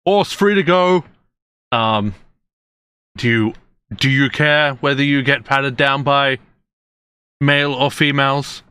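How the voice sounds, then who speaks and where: A man voicing a gruff male city gate guard who barks curt orders. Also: medium pitch, takes it slowly, long pauses, sharp tone, dry recording, voice pushed up. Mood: brusque.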